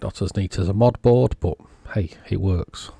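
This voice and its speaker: A man giving casual, unhurried technical commentary, thinking aloud as he inspects a circuit board. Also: sits low, gravelly, warm tone, breathy edge, dry recording. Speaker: electronics repair vlogger.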